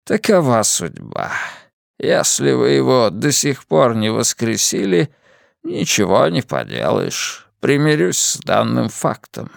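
A frail old man with a faint, rustling, gravelly voice, as a male narrator puts him on. He drags out each phrase with chilling courtesy. The read is close and dry, with no room around it. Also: mid-range voice, big pitch swings, no echo, heavily acted. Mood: cold menace. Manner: slow, measured, coldly polite. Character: frail old man, cold, menacing villain.

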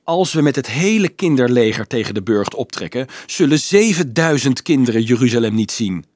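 A man voicing a calm, dryly mocking young male student who argues reasonably. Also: medium pitch, normal speed, a little hiss or hum, close to an everyday voice. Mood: reasoning. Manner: calm, dry, sometimes pleading.

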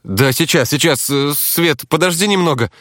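A man's voice: a little high, normal speed, a bit bright, no room sound, studio quality, voice pushed up, close to an everyday voice. A man doing a flustered young summoner. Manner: fussy, flustered.

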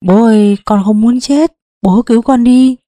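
A woman's voice: a little high, moderate pace, dark tone, dry recording, clean studio sound, close to an everyday voice. A woman reading an audiobook, voicing a frightened young girl who pleads anxiously with her father. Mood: frightened pleading.

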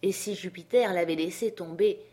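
A woman narrating a classic story aloud in a measured, even reading voice. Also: fairly low pitch. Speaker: audiobook reader. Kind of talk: scripted narration.

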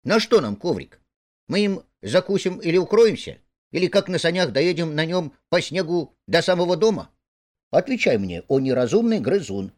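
A man's voice: on the high side, very animated, moderate pace, darkish tone, voice pushed up. A man voicing a fussy, plaintive male mole who complains and quibbles in a storybook reading. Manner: whiny, pedantic complaining.

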